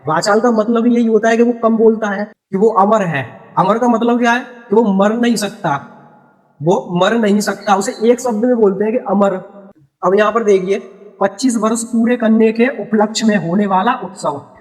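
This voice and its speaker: A young male teacher with a fairly high voice explains word meanings in a patient, repetitive way. He often asks a question and then answers it himself. His voice trails off into a long reverb. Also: moderate pace. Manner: repeats key words and quizzes the viewer. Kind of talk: Hindi grammar lesson.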